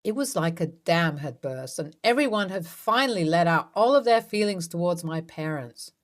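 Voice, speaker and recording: A woman's voice: lowish voice, lively intonation, moderate pace. Woman narrating a dramatic story. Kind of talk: first-person story narration.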